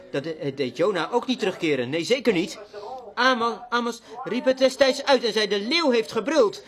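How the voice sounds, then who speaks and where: A man preaching a sermon to a congregation in a church, with a fervent, repetitive cadence. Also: high-pitched.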